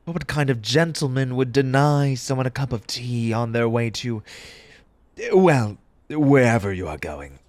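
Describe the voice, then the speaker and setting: A man voicing a grieving, eccentric March Hare, a mannered gentleman speaking formally and theatrically in an ASMR roleplay, halting with emotion. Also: medium pitch, expressive, dry recording, close to an everyday voice. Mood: wistful, courteous. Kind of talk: ASMR roleplay character monologue.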